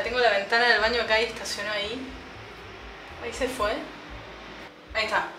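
A young woman with an Argentine accent, chatting casually as she cuts her own hair at home, a bit hoarse from a cough, self-mocking and thinking aloud. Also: a little high, a bit bright, roomy sound. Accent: Argentine Spanish. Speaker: beauty vlogger. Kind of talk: casual vlog chat. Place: home bathroom.

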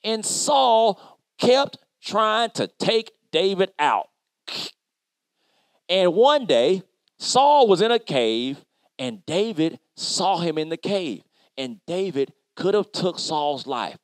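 A cheerful construction worker spinning a kids' Bible lesson, his voice sitting high for a man and leaping all over the place. He chats straight at the children in an animated, friendly way, recorded close and dry. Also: slow, no room sound, heavily acted. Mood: lively. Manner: animated, chatty, addresses kids directly. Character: upbeat male construction worker telling kids a story. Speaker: children's church storyteller.

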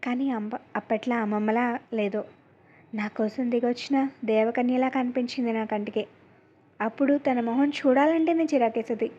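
A woman narrating a first-person love story aloud in a calm, measured storytelling manner. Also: a little high, husky. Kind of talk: reading an audio story aloud. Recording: dull lo-fi recording.

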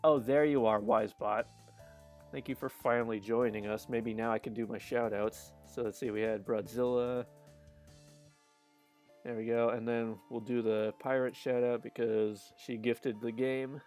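A man livestreams a game in a medium-pitched, darkish voice with fairly even intonation and a slightly slow pace, soft music playing behind. His casual commentary is rambling and chatty, with frequent laughs and restarted sentences.

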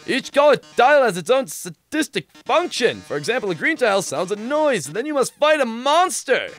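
A man voicing a flamboyant, gloating villain robot from a video game, with melodramatic, drawn-out delivery. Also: extremely high pitch, big pitch swings, fairly bright tone, soft background music, pitched above the performer's own voice, exaggerated voice. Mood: melodramatic menace.

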